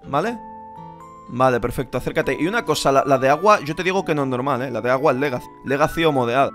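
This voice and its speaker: A young man with a Spain Spanish accent, talking through a game over voice chat, haggling and bursting into rapid repeated shouts. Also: mid-range voice, faint music behind. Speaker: gaming streamer. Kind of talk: live gaming commentary with voice chat.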